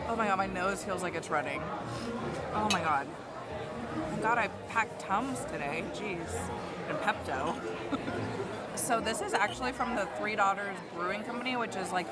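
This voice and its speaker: A woman reviewing theme park food outdoors in a chatty, excitable way with lots of fillers. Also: medium pitch. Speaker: food vlogger. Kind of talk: casual food review vlog. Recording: loud crowd and outdoor noise.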